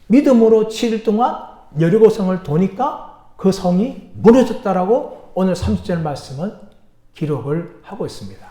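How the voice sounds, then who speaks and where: A pastor delivering a sermon, telling a story animatedly and asking the congregation questions. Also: male voice, fairly high pitch, roomy sound. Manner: animated storytelling, acting out quoted characters. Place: church sanctuary.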